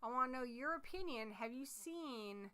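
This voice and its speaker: A woman's voice: on the high side, lively intonation, moderate pace, bright, forceful tone, smooth. A woman co-hosting a horror livestream in casual chat, talking with enthusiasm and swearing freely.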